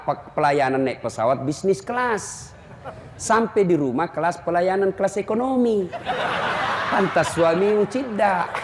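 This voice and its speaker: A man's voice: high-pitched, darkish tone. A male preacher, giving a comic sermon full of teasing jokes aimed straight at the crowd. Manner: teasing, jokey preaching with direct address to the crowd. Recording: echoey hall, faint hum.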